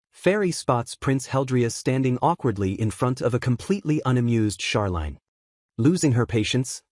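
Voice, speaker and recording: Dry, steady male recap narrator. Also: mid-range voice, no room sound.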